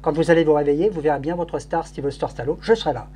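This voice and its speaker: A man's voice: fairly high pitch, steady tone, fast talker, dark tone. Male stage hypnotist, noisy live recording. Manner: repetitive, commanding suggestions with shushing. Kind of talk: live hypnosis show, commands and suggestions.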